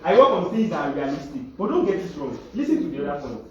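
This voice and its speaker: A man's voice: a little high, quick pace, dull audio. A man leading a classroom session, talking students through their notes and often checking they follow along. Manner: animated, keeps checking students follow with "you understand?". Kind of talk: classroom teaching and discussion. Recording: very echoey room, from far off, loud class noise.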